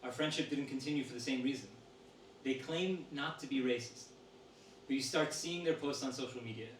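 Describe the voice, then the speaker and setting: A man reading a woman's interview answers aloud to an audience in a steady, measured voice. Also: medium pitch. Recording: roomy sound from a distant mic with faint noise.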